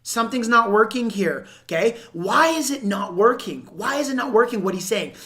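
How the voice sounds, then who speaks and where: A woman's voice: on the high side, expressive, moderate pace, a bit bright. Emphatic woman coaching viewers. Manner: emphatic, repeats points, acts out example dialogue. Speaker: sales coach and video host. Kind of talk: unscripted instructional commentary to viewers.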